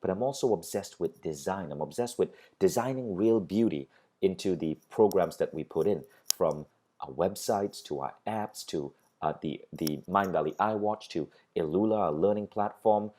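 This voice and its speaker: A middle-aged Malaysian course instructor with a low, mellow voice delivers a motivational lecture for a recorded online course at normal speed. He's earnest and repeats phrases to build his point.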